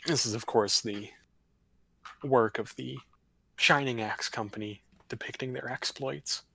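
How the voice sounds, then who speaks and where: A man narrates a tabletop campaign as the game master on a livestream. His voice is gravelly and a little husky. He tells the story loosely, drifting through fillers and asides. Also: medium pitch, unhurried, sharp tone, no echo, poor audio. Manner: casual, rambling narration with fillers.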